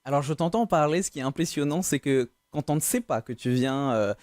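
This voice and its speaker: A man hosting a television interview, asking relaxed, encouraging questions with frequent hesitations. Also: fairly high pitch, brisk, dry recording, studio quality.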